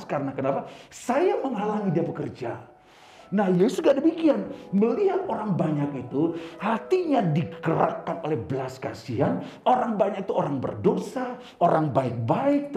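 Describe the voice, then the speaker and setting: A man preaches and tells his own story, his voice leaping from loud bursts to soft asides. His tone is mellow rather than bright. He is heard in an echoey room with faint music behind him. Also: high voice. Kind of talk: sermon with personal testimony.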